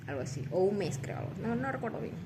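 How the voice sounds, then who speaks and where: A woman's voice: medium pitch, big pitch swings, fast, noisy background. A young woman, telling a personal story on a gossip podcast in a rambling, laughing way. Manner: chatty, laughs often, rambling with restarts. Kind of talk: casual gossip chat.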